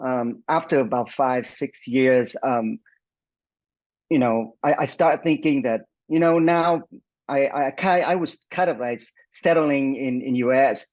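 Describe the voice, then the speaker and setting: A man's voice: medium pitch, measured pace, a little mellow, lo-fi sound. A man in his forties from Vietnam with a Vietnamese accent, a nonprofit founder answering interview questions with many fillers and restarts.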